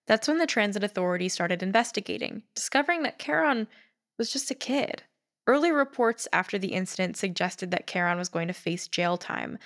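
A young woman from New York reads a scripted explainer, slipping dry, wry asides between the facts. Her voice sits at an ordinary pitch with a noticeable gravelly fry at the ends of phrases. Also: a bit bright. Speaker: narrator.

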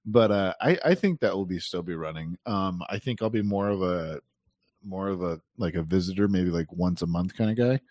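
A man co-hosts a casual gaming podcast with a rather low, dry-sounding voice. He rambles loosely and laughs often in the middle of his sentences. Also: lively intonation, normal speed, darkish tone, no room sound. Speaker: podcast co-host. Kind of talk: casual chat.

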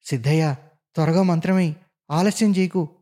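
A man's voice: fairly high pitch, steady tone, brisk, darkish tone, close to an everyday voice. A man voicing a frightened, desperate father who pleads urgently in a spoken story.

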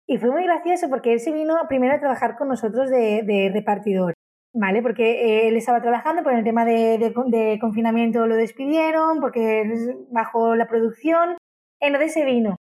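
A woman with a high voice talks in an interview about the company she runs. She is enthusiastic and keeps repeating words as she goes. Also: warm tone. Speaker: business owner.

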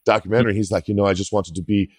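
A man's voice: on the low side, fairly even intonation, very fast, a little mellow, no echo. A man in his forties from the US hosting an interview, laid-back and enthusiastic, with lots of "like" in his speech. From United States. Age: 40s. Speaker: podcast host. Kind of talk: casual interview chat.

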